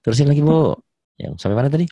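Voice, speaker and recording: Man, Quran teacher on a video call, patient, lively pitch, drawn-out recitation. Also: no room sound. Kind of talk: online Quran recitation lesson.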